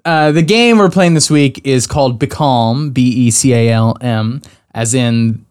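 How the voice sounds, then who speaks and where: A young man hosting a podcast, chatting casually and laughing often between quick asides. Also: medium pitch, darkish tone, smooth. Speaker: podcast host. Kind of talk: casual chat.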